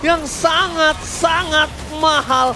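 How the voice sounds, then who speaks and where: An Indonesian man shoutcasting esports like a fighting-game announcer, with excited, dramatic, drawn-out calls. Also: extremely high pitch. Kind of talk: excited live game commentary. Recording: music behind the voice.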